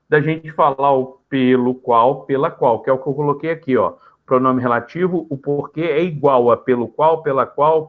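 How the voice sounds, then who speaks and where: Brazilian male teacher, casual, muffled audio. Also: on the high side. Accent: Brazilian Portuguese. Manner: casual, checks in often with students. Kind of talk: live online grammar class.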